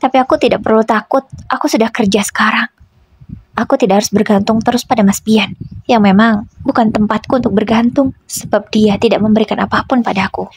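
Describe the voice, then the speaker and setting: A woman telling a first-person story as scripted narration, in a steady, even reading voice. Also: on the high side, fast talker, a little hiss or hum.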